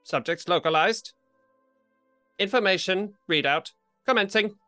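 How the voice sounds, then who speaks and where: Lab bench computer played by a man, robotic processing voice, bright and crisp, dry sound. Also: high-pitched, measured pace, dry recording, soft background music. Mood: flat robotic. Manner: robotic computer processing voice, clipped repeated status words. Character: talking lab bench computer, flat and literal. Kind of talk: tabletop game roleplay.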